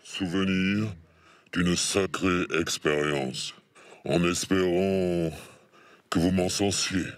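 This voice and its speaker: A man giving a cryptic clue in a slow, drawn-out, punning way, his voice disguised by an electronic effect that makes it sound very deep. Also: steady tone, dry recording, studio quality. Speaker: masked singing contestant. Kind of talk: cryptic clue delivered slowly.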